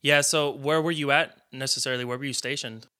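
A man hosting a podcast with a bright, crisp voice. He asks questions loosely and chattily, with lots of filler words. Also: medium pitch, fairly even intonation, fairly quick. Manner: casual, leans on filler "like". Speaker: podcast host. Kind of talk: casual interview.

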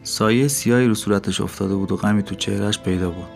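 Calm man reading a novel aloud. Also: on the low side, gravelly. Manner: calm, measured, drawn-out delivery. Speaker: audiobook narrator. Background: soft music.

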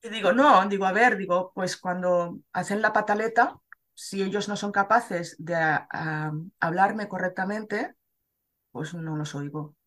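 A woman's voice: fairly low pitch, fairly even intonation, measured pace, fairly bright tone. A woman from Spain, a dog trainer, explaining things in a casual chat and often checking in with her listener.

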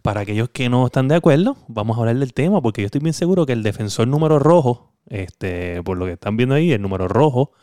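A man's voice: mid-range voice, lively intonation, fast talker, hardly any pauses, dark tone, no echo, clean studio sound. A man hosting a casual gaming podcast, rambling and teasing, full of filler words. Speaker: podcast host.

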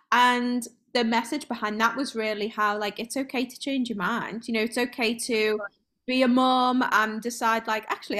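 A woman's voice: a little high, fairly bright tone. A woman hosting a podcast, chatting casually and enthusiastically with a guest, rambling a little. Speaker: podcast host. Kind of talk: casual interview chat.

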